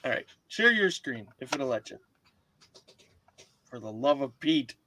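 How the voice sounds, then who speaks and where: A man's voice: mid-range voice, sing-song, unhurried, bright, forceful tone, a little hiss or hum, rough recording. Flustered, laughing Wisconsin man. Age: middle-aged. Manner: flustered, self-mocking, laughing. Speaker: podcast co-host. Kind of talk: casual comedy chat.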